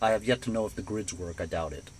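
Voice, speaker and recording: Fast and lowish in voice, a man chats casually and bluntly through a hands-on DIY tutorial in and around a cargo van, grumbling in colloquial terms as he goes. The recording is rough, with a little hiss or hum.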